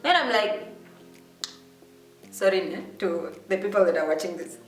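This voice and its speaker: A woman's voice: mid-range voice, lively intonation, normal speed. A young woman from Namibia with a Namibian accent, telling a story casually with many fillers and restarts. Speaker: vlogger. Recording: roomy, distant mic, faint music.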